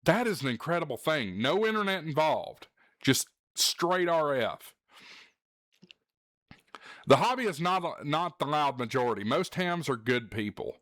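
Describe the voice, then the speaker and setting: Speaking straight to camera in a casual, earnest, encouraging manner, the host of a ham radio show emphasizes key words. He has a mid-range, somewhat bright male voice, recorded cleanly in a studio without echo.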